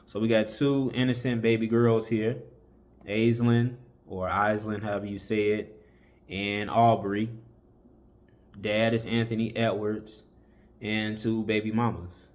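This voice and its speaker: Male host, low-pitched, lecturing viewers in a relaxed, repetitive way. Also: measured pace. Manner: preachy, conversational, repeats warnings with many fillers. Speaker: commentary channel host. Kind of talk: casual opinion commentary.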